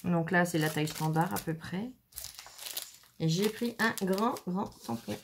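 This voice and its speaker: Chatty woman with gravelly voice. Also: lowish voice, measured pace, slight background noise. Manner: chatty, showing items one by one with many fillers. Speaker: scrapbooking haul vlogger. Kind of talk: casual haul video commentary.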